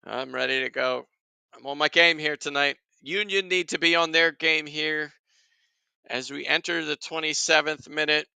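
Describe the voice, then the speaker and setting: A man's voice: on the high side, fairly even intonation, normal speed, creaky, pushed and bright, smooth, no echo. A man hosting a live soccer watchalong stream, chatting to his viewers in a rambling, casual way.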